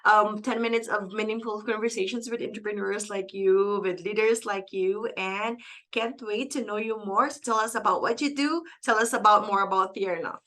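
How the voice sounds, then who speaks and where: A woman hosts a casual interview over a video call, with a bright, crisp tone. She prompts her guest warmly and pauses often on "um." Her pitch sits in the middle of the range. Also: steady tone. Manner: warm encouraging prompts, hesitant fillers. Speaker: host.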